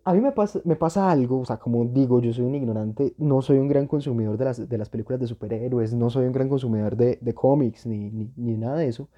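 A man's voice: medium pitch, fast, hardly any pauses, dark tone, dull audio. A man co-hosting a casual podcast chat, reacting with theatrical exclamations. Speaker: podcast co-host.

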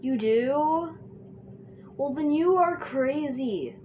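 Slow, rambling woman with a "like" habit. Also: high-pitched. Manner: chatty and joking, says "like" constantly. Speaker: vlogger drawing on camera. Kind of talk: casual rambling chat while drawing. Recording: dull, noisy home recording.

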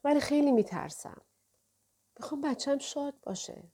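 A woman reading an audiobook voices a frightened young pregnant woman who speaks softly and tremulously. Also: mid-range voice, expressive. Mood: tearful. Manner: soft, trembling, tearful.

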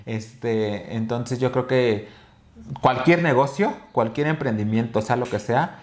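A man's voice: mid-range voice, slow pace. Rambling Mexican man, casual podcast chat. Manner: rambling storyteller with many fillers and restarts. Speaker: podcast co-host.

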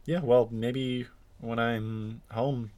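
A man co-hosting a relaxed podcast, recounting TV gags with lively energy. He jumps into a high voice when quoting characters. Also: very slow. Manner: animated storyteller who acts out quotes in a high voice. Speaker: podcast co-host. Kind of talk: casual chat.

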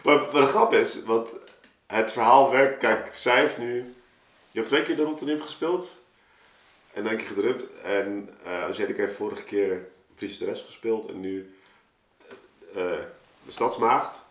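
On a podcast, a male artist and story maker with a lowish, slightly bright voice talks casually about his creative process at a measured pace, pausing often. He digresses a lot and cuts himself off mid-thought, and the room sounds roomy and echoey.

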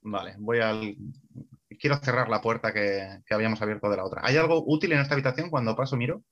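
A man's voice: lowish voice, fast, a bit bright, highs cut off. A man from playing a tabletop role-playing game, insistent and impatient in character. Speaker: player.

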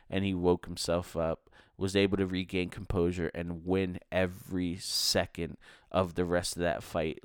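A man's voice: low-pitched, clear, resonant tone, no room sound, clean studio sound. A man hosting a podcast, giving a casual, chatty rundown of fight results and chuckling now and then. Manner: chatty, laughs between results. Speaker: podcast host. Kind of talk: casual fight review monologue.

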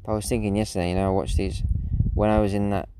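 A man's voice: fairly low pitch, little pitch movement, very fast. A man in his late twenties talking alone in a rambling, reflective monologue as a podcast host, sleepy and yawning. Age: 20s. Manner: rambling, musing, frequent self-restarts. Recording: loud background noise.

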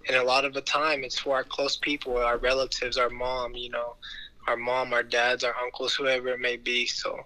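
A man's voice: medium pitch, monotone, normal speed, bright, forceful tone, rough recording. A man speaking casually as a podcast guest, encouraging and often repeating his phrases. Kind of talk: casual conversation.

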